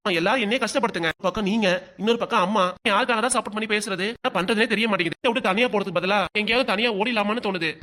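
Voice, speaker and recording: A woman's voice: mid-range voice, a bit bright, lightly acted. A woman voicing a weary middle-aged cartoon father caught between his mother and his wife, with a Kanyakumari Tamil accent. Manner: rapid, weary and defensive. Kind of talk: cartoon voice acting.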